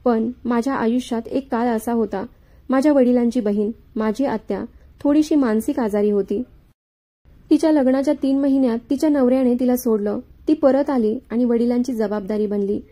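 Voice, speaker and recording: A woman narrating a scripted first-person story in a steady, earnest reading voice. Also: fairly high pitch, moderate pace.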